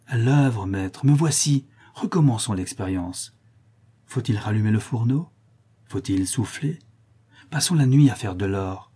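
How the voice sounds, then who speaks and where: A man's voice: mid-range voice, moderate pace, mellow, husky, lightly acted. A man voicing a fervent, greedy young male disciple of an alchemist, in an imploring, feverish manner. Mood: eager. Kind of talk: audiobook character reading.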